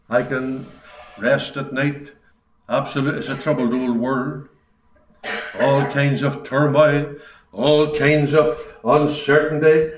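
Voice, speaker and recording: A man preaching a sermon in a meeting hall, earnest, with a repeating preaching cadence. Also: medium pitch. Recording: echoey hall, distant mic.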